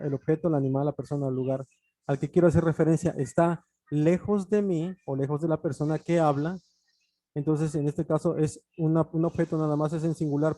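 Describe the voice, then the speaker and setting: A man's voice: a little high, dark tone, dry recording. A man teaching an online English grammar lesson, explaining patiently with frequent fillers and restarts.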